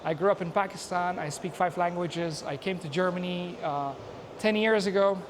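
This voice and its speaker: Chatty man vlogging outdoors, noisy. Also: sits high. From Afghanistan. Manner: chatty, self-narrating, quick asides and laughs. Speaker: YouTuber and software engineer. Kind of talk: casual on-the-street vlog chat. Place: outdoors at a busy conference venue. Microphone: handheld mic.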